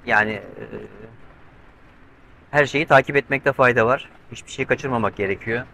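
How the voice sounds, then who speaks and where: Out at sea alone in his sailboat's covered cockpit, a middle-aged man vlogs to a pole-mic camera, walking viewers through each step while nervously eyeing the weather. He speaks in a mid-range, pushed, bright voice with vocal fry at a moderate pace, over slight background noise.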